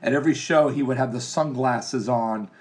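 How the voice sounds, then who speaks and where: A man's voice: medium pitch, normal speed. Friendly male interviewer. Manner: friendly, affirming, asks open questions. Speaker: interviewer, host. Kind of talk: casual interview.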